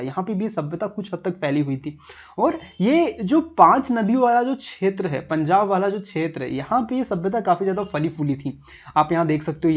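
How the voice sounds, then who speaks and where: A man's voice: a little high, darkish tone, highs cut off. A man teaching a history lesson over a map, in a casual, chatty way, talking straight to the viewer.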